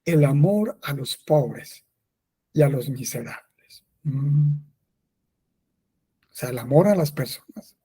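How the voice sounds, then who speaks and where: Mellow-voiced friar giving catechesis. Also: male voice, medium pitch, lively intonation, unhurried, slightly rough. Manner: conversational, repeats himself, frequent affirming "sí". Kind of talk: spoken catechesis, personal testimony.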